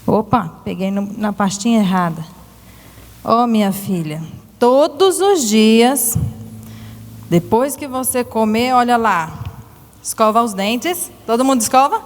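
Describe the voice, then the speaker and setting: Woman storyteller for kids, lively questioning, fairly high voice, long church hall reverb. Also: a little slow. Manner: animated, asks children many questions. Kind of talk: telling a Bible story to children.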